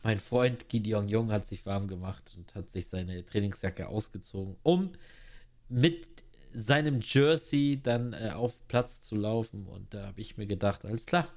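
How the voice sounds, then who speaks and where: In an unhurried, fairly low voice with a darkish tone, this podcast co-host chats casually and bluntly. He rants with sarcasm and slang, restarts often, and swears for emphasis.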